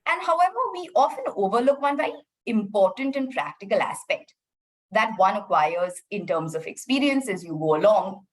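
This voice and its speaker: A woman moderating an online panel, polite and measured, with frequent "um" fillers. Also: mid-range voice, low-quality recording. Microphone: video call.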